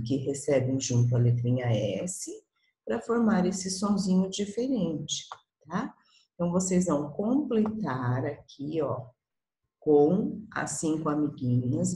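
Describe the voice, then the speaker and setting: Woman, Brazilian accent, primary school teacher, patient and coaxing, slow, lively pitch, echoey room. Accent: Brazilian Portuguese. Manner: patient, coaxing, uses small diminutives and checks in often. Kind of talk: recorded class for young children.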